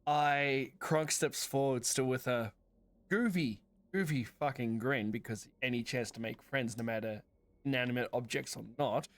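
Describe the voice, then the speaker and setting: A man's voice: medium pitch, normal speed, dry recording. A man chatting casually as a tabletop game player, jokey and sometimes profane. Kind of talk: casual role-playing chat.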